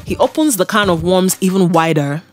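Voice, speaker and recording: A woman reads a scripted entertainment gossip segment in a slightly low voice. She weighs in with opinionated, conversational asides, with a soft music bed running underneath. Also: animated, a little fast. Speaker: entertainment news presenter. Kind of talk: scripted celebrity gossip commentary.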